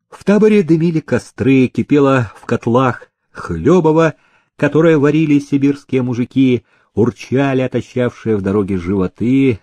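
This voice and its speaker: A man reading a historical story aloud in measured, expressive narration. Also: mid-range voice, no room sound. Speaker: audiobook narrator. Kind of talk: scripted narration.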